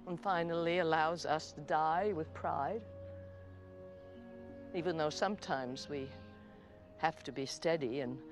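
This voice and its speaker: An older actress giving a gentle, earnest, heartfelt monologue in an unhurried way. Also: female voice, sits low.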